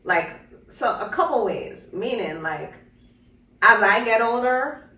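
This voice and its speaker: A woman's voice: fairly high pitch, animated, slow, bright, forceful tone. A woman in her fifties from Jamaica, co-hosting a podcast and telling family stories in a reflective, casual way. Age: 50s. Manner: reflective, storytelling with many "like" fillers. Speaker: podcast co-host. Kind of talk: casual conversation. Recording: roomy sound from a distance.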